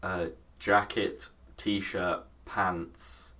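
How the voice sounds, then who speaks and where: A man co-hosting a casual podcast chat, excitable and quick to break into silly voice impressions. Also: low-pitched, far from the mic. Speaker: podcast co-host.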